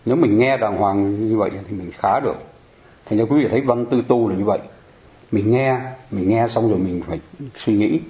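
A man's voice: on the low side, fairly quick, mellow. A man giving a Buddhist dharma talk in a conversational way, often putting rhetorical questions to his listeners. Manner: conversational, keeps asking the audience rhetorical questions. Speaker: Buddhist teacher. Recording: roomy echo.

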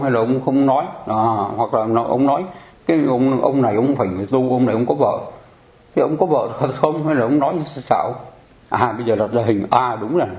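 A man's voice: mid-range voice, dull audio. A man giving a Buddhist dharma talk in a conversational way, often putting rhetorical questions to his listeners. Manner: conversational, keeps asking the audience rhetorical questions. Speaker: Buddhist teacher. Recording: roomy echo.

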